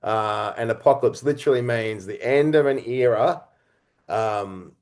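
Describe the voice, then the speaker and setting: A man who is a writer-director and actor speaks as an interview guest, with a medium-pitched, darkish voice. Earnest and reflective, he explains his creative work in halting, conversational phrases.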